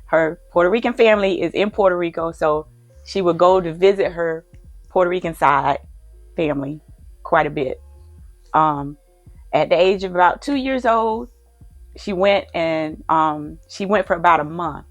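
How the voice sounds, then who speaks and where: A woman's voice: on the low side, normal speed, no room sound, faint music behind. A woman, a mother chattily telling family stories, often repeating herself. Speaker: mother guest. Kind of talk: casual family storytelling.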